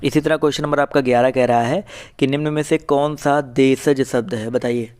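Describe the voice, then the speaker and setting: A man's voice: mid-range voice, fairly even intonation, fairly quick, darkish tone. A man teaching an online exam-prep class, reading out questions and options, then explaining each answer to his viewers. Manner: addresses viewers as friends, asks "clear?"; reads out options and answers them one by one.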